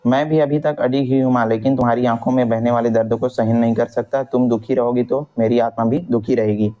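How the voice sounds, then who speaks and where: A man's voice: medium pitch, fairly even intonation, fairly quick, mellow, close to an everyday voice. A man reading the lines of a young revolutionary facing execution who is tender toward his mother, plainly and aloud from a textbook. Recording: dull lo-fi recording.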